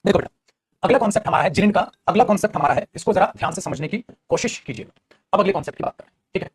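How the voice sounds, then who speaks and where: A man's voice: sits high, lively intonation, racing, husky. A man with a Hindi-speaking Indian accent teaching an online grammar lesson, coaxing his students and calling them "beta".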